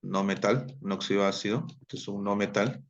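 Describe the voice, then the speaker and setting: A man's voice: fairly low pitch, fairly even intonation, normal speed, highs cut off. A man teaching a chemistry lesson, explaining step by step, repeating key terms and checking in with his students.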